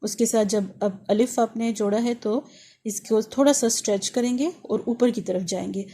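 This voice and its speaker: A woman teaching an online lesson on reading Quranic letters, who explains patiently and sounds out each letter slowly, over and over. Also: on the high side, fairly even intonation, dark tone. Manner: patient, demonstrates sounds slowly and repeats them.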